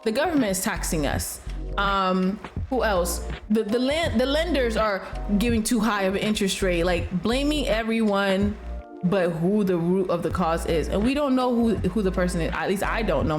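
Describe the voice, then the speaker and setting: Chatty woman with a Nigerian accent. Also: mid-range voice. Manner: conversational, restarts often, emphatic. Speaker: realtor. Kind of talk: casual commentary.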